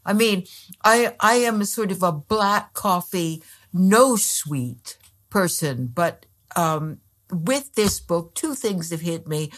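A woman with a very low-pitched voice answers interview questions as a researcher. She speaks thoughtfully and stops often to hesitate and restart. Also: fairly bright tone. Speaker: guest researcher.

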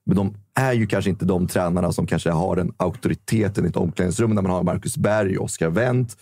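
Man, low voice, podcast panel, earnest, repeats words, dry sound. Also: darkish tone, no echo. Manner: earnest, repeats words when thinking aloud. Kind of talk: casual football chat.

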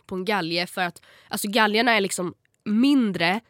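A young woman in a casual chat as a podcast co-host, earnest and talking in quick bursts. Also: medium pitch, fairly bright tone, dry recording.

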